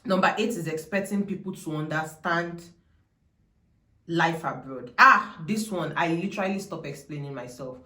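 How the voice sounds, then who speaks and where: Speaking at a moderate pace in a lowish, pushed, bright voice, this young woman with a Nigerian accent vlogs to camera in a reverberant space. Her talk is casual and chatty, full of digressions and emphatic repetition.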